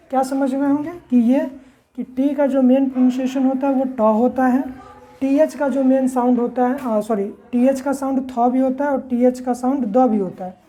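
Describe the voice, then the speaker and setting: Warm-voiced woman teaching English. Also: high voice, low-quality recording. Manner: spells words letter by letter and keeps asking rhetorical questions. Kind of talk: classroom-style lesson.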